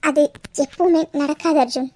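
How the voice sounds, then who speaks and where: A woman's voice: high-pitched, normal speed, lightly acted. Woman voicing a prickly, scolding young woman. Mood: annoyed. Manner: sharp, scolding retorts.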